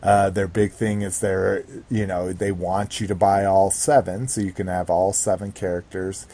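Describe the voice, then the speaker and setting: Low, mellow man chatting casually. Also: little pitch movement, normal speed. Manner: rambling, sweary. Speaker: podcast host. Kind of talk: casual hobby chat.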